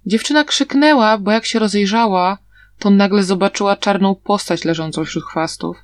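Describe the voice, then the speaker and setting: A woman narrating a story aloud in an even, steady reading manner. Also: mid-range voice, normal speed, no echo. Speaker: audiobook narrator.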